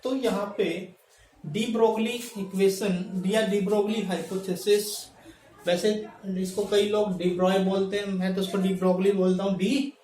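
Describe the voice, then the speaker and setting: A male teacher giving a classroom chemistry lecture. He addresses students as "beta" and keeps checking in with "thik hai", slowing down to dictate terms. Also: high voice, steady tone, a little mellow. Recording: echoey room, mic at a distance.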